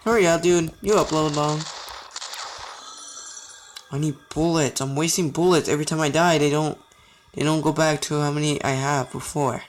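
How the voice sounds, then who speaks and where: A man's voice: a little high, little pitch movement, normal speed, pauses often, slight background noise. A young man giving let's play commentary, talking to himself and getting frustrated as he goes. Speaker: gamer.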